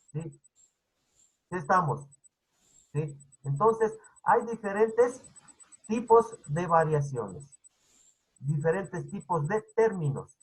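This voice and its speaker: A male teacher gives an online class over a video call in a high, somewhat bright, husky voice, heard through a low-quality recording. Repetitive and instructive, he keeps checking understanding with "¿sí?" and goes over his points again.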